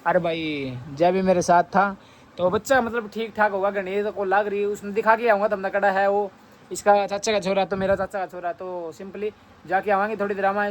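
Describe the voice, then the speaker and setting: A man's voice: high-pitched, slight background noise. A young man with a Haryanvi accent, chatting casually to viewers and family at home in a vlog. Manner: chatty, storytelling, addresses viewers as brother. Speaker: vlogger.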